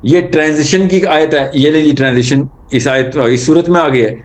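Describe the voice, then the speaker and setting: A man giving an animated religious talk, telling stories and mixing in English terms. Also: fairly high pitch. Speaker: Islamic speaker.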